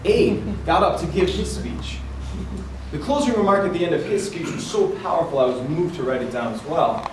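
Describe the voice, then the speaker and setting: A man's voice: a little high, fairly quick. Guy doing a tall tale speech, theatrical, really echoey and far from the mic, noisy. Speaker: contestant in a club speech contest. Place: indoor room before an audience.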